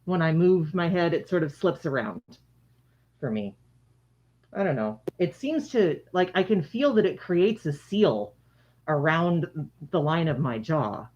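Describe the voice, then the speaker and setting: Mid-pitched voice, livestream host, casual product demo, conversational, explanatory, dull lo-fi audio. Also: lively intonation, measured pace, a little mellow. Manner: conversational, explanatory, addressing viewers. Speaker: livestream host demonstrating handmade face masks. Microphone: shared microphone, sometimes turned away from it.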